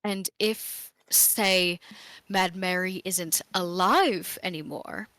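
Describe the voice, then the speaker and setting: A woman playing a tabletop game, talking in a cautious, deliberate way. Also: lowish voice, bright, forceful tone, no echo. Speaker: player. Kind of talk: casual tabletop game play.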